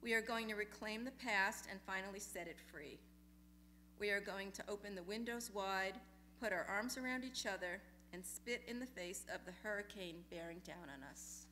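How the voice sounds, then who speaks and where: A woman reading personal essays aloud in a lecture hall, measured and deliberate, letting phrases linger. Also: medium pitch, sharp tone, a little hiss or hum. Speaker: essay reader at a memorial reading.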